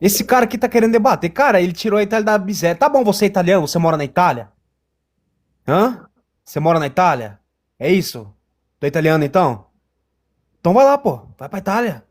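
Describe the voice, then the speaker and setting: Casting: Brazilian man, high and very lively voice, sarcastic co-host. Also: fast, long pauses. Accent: Brazilian Portuguese. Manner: mocking, sarcastic slang. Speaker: live stream co-host. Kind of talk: casual political live stream chat.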